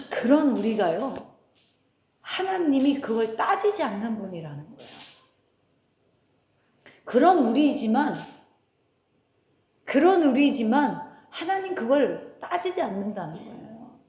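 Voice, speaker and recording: High-voiced woman pastor, echoey church. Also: big pitch swings, unhurried, pauses often, darkish tone, highs cut off. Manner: conversational, asks the congregation questions, tells anecdotes with laughter. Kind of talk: sermon. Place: church sanctuary.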